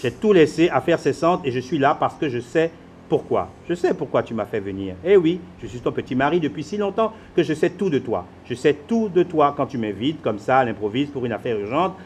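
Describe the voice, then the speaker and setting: Man acting out a boastful Beninese husband, Beninese French accent, rushed, brash, fond of English slang. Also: medium pitch, lively intonation, a little hiss or hum, natural voice. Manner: mixes English words into French, boastful and hurried. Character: flashy busy Beninese husband, phone-obsessed, self-assured. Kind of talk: theatrical monologue.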